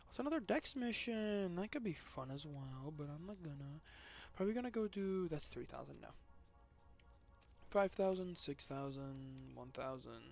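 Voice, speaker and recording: A man's voice: fairly high pitch, gravelly, bright, forceful tone. A young man giving casual gameplay commentary, rambling and stumbling over his words. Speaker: gamer.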